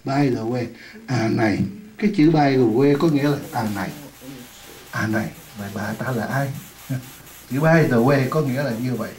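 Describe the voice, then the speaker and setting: A man teaching an English lesson in Vietnamese, repeating words slowly for a class to echo and adding chatty, joking asides. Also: medium pitch, a little mellow. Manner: drills words slowly, many times over, for the class to repeat.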